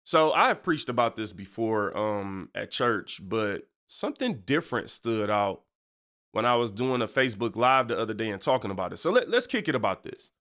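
Very animated despite a stuffy nose from a cold, the young Michigan podcast host and preacher speaks at a moderate pace in a lowish, somewhat bright voice. He rambles through his casual faith show with slang, fillers, and asides.

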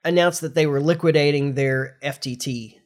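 On the high side but steady in tone, this middle-aged man talks at a moderate clip on his podcast. He sounds nasal and stuffed up from a recent flu, casually walking listeners through the news.

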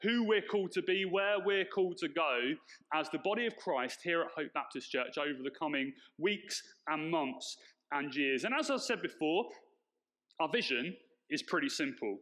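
High-pitched male pastor, preaching. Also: lively intonation, moderate pace, a bit bright. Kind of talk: sermon and prayer to congregation. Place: church, speaking to congregation and online viewers. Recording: echoey church sound system.

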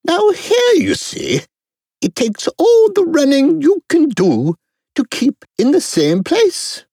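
A woman voicing a brisk, bossy chess-piece queen in a storybook reading, commanding and emphatic yet courteous. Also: sits high, very animated, warm tone, dry recording, studio quality, voice pushed up, exaggerated voice. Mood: imperious, brisk.

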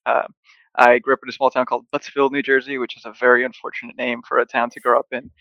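Speaking from home over a video call, a young Mexican man who founded an agency chats as a podcast guest in a friendly, joking, casual interview. His mid-range voice is flat and creaky, and he talks fast. The audio is lo-fi with no echo.

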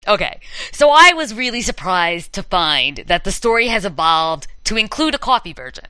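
A woman's voice: medium pitch, big pitch swings, moderate pace, bright, forceful tone, clear, resonant tone, dry recording, low-quality recording. A woman hosting a chat, telling campfire horror stories in a dramatic, playful way. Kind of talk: storytelling in casual chat.

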